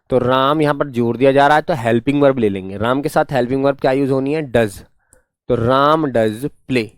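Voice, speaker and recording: A man's voice: a little high, no room sound. Male grammar teacher, patient and repetitive, dry close sound. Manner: patient, repetitive, calls students "son". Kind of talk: online class lecture.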